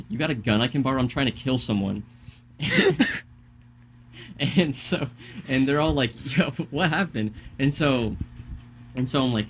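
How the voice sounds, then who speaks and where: A young man in the middle of a casual podcast chat, retelling a story with plenty of swearing and rising anger. His voice sits in an ordinary middle pitch, with a faint hiss of noise behind it. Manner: heated, profane storytelling. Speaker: podcast co-host.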